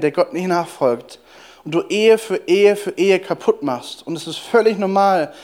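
A man with a high voice preaches with insistent emphasis. He repeats phrases and climbs in pitch as he drives each point home, in the style of a church sermon. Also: darkish tone. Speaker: pastor.

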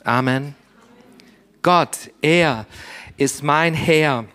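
Slow, deliberate male preacher. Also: smooth. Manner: deliberate, with long pauses and sudden drops to a soft, low voice for emphasis. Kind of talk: sermon.

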